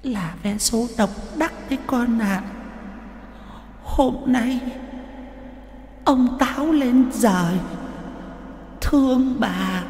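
A woman voicing a frail, timid, loving old grandmother who stammers and pleads softly in an audio story. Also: on the high side, extremely slow, long pauses, slight background noise. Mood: tender.

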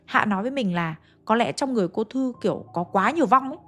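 A woman's voice: a little high, expressive, quick pace, a bit bright. A woman narrating a ghost story, chatting directly to her listeners.

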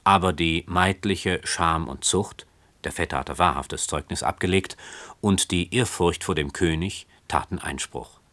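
Deep-voiced man narrating a storybook. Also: no room sound. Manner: measured, calm storytelling. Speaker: audiobook narrator. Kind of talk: scripted literary narration.

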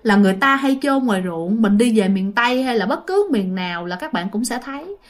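A woman's voice: on the high side, animated, a little fast. A woman narrating listener ghost stories in a chatty, casual way, talking straight to her audience. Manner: chatty, many fillers, addresses listeners directly. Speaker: ghost story channel narrator. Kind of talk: casual spoken storytelling.

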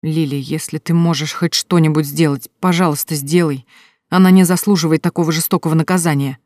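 A woman's voice: low-pitched, steady tone, a little fast, darkish tone, natural voice. A desperate grown man in a spoken audiobook, read by a woman in close to her own voice, begging with urgency. The sound is close and dry, with no room echo. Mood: pleading. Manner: pleading, urgent.

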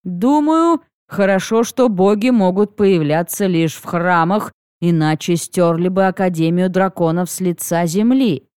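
A woman's voice: fairly low pitch, measured pace, hardly any pauses, darkish tone, smooth, no room sound, clean studio sound, close to an everyday voice. A woman reading a sly, teasing dragon uncle. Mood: wry. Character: wry, teasing older male dragon uncle. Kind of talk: audiobook reading.

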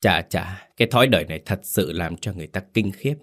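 A man's voice: low voice, lively intonation, fast, fairly bright tone. A man narrating a sad folk story in a dramatic storytelling manner.

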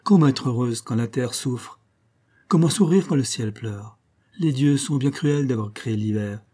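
A man's voice: medium pitch, moderate pace, dark tone, breathy edge, natural voice. A man voicing a delicate, coquettish young princess who speaks in a mannered, plaintive way.

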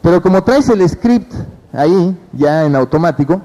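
A man with a Mexican accent leads a motivational business training in a slightly high, mellow voice. He is animated and tells stories, turning to his audience again and again to urge them on. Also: moderate pace, rough recording. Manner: animated storytelling, addresses the audience directly and acts out phone calls.

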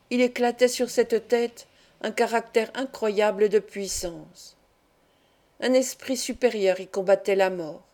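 A woman narrating a classic literary tale as an audiobook reader, in a measured, expressive reading. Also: mid-range voice.

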